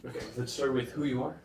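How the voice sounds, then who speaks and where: A man's voice: medium pitch, very animated, moderate pace, darkish tone, echoey room, recorded from a distance, a little hiss or hum, rough recording. A man interviewing a guest with brief, plain questions.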